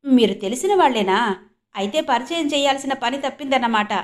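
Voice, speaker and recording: A scornful, sharp-tongued young woman, as a storyteller puts her on spits out her taunts in a bright, high register. Every line comes out louder and higher than the plain narration around it. It reads as a storybook character acted with open contempt. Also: expressive, fairly quick. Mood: mocking. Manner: mocking, scornful.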